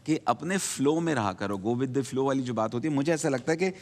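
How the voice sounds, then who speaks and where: A man's voice: medium pitch, long reverb tail. A man judging a student debate, giving fatherly, direct feedback to the young speakers. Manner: fatherly, calls students "beta", gentle but direct. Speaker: debate judge. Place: TV studio.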